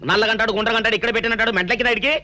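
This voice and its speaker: A middle-aged actor playing a boastful, quick-tempered local tough man in a film comedy, scolding, swearing and mocking. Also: sits high, fairly even intonation, over loud music, close to an everyday voice. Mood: exasperated. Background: film score.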